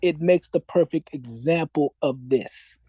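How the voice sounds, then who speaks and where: A man's voice: fairly high pitch, a little slow, warm tone, slightly rough, dry recording, dull audio. A man in his forties, a self-described minister, talking earnestly and preachily in a casual interview and repeating his key phrases. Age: 40s.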